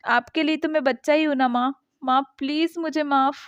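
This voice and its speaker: A grown son sobs and pleads with his mother for forgiveness, voiced by a woman storyteller in her own high voice. The audio sounds dull and dry, with no room around it. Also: fairly even intonation, moderate pace, no echo, lightly acted. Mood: tearful. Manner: tearful, begging.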